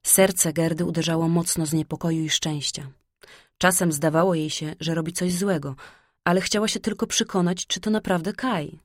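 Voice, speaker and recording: A woman narrating a fairy tale in a soft, hushed storytelling manner. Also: on the low side, fairly even intonation, moderate pace, no room sound, studio quality. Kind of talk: storybook reading.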